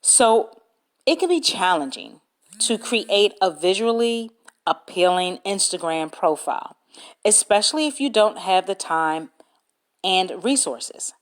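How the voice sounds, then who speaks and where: A woman's voice: medium pitch, animated. A woman hosting a solo podcast, reading out business tips and spelling out words as she goes. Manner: slow, deliberate, reads points aloud and spells words out. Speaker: podcast host.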